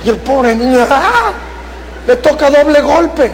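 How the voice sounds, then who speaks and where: A middle-aged man preaching a sermon to a congregation, swinging from shouts to hushed asides. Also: very high voice, fairly even intonation, normal speed, poor audio. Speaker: pastor. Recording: faint mains hum.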